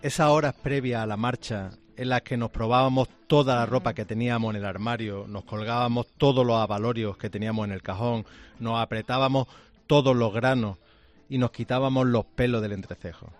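A man's voice: mid-range voice, fairly even intonation, fairly quick. A man reading a scripted, reflective literary column on the radio. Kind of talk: scripted narration.

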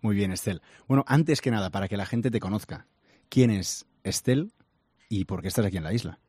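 A man's voice: on the low side, brisk, a little mellow, husky, no room sound. A man with a Catalan accent, chatting and asking questions as an interviewer. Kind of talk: conversational radio interview.

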